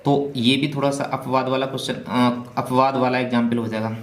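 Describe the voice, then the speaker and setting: A man's voice: mid-range voice, level tone, fairly quick. Echoey male Hindi grammar teacher. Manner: asks and answers his own questions. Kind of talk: revision class lecture. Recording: echoey room with faint hum.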